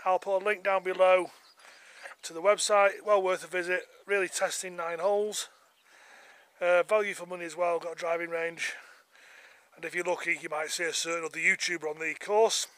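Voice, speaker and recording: A man's voice: high voice, flat delivery, normal speed, fairly bright tone. A man in his forties with an English accent, chatting to viewers while filming himself outdoors on a golf course. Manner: chatty, addresses viewers as guys. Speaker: golf vlogger. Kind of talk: casual vlog commentary. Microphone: camera held at arm's length.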